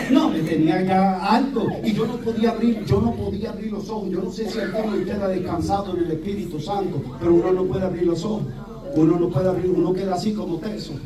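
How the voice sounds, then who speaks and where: A priest with a Puerto Rican accent giving a lively sermon, telling stories and imitating voices. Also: male voice, high-pitched. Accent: Puerto Rican Spanish. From Puerto Rico. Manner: lively storytelling preacher, mimics voices, laughs. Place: church hall. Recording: roomy, distant church recording with faint hiss.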